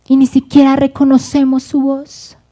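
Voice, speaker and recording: Woman, fervent sermon, high voice, mellow tone, speaks straight to the congregation. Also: monotone, normal speed. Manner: fervent, addresses the congregation directly. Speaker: preacher.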